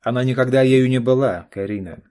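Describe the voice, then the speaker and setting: A man's voice: fairly low pitch, lively intonation, fairly quick, dark tone, slightly rough. A man voicing a firm, self-assured middle-aged father in an audiobook, speaking curtly and clipped. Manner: curt and clipped. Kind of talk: audiobook character voice.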